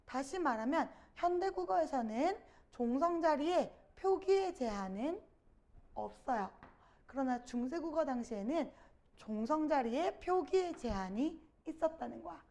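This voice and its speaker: A woman teacher giving a grammar lecture, talking straight to her students and asking and answering her own questions. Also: sits high.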